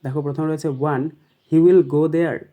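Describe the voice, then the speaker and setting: A man with a West Bengal accent teaching an exam paper, reading each English question slowly and then explaining it quickly in Bengali. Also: fairly high pitch, fairly even intonation, warm tone. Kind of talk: exam paper walkthrough lesson.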